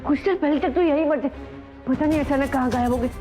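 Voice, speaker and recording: A performer voices a young boy hero in a cartoon, anxious as he puzzles out a disappearance. The voice is pitched very high. Music runs underneath. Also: quick pace, natural voice. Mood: worried.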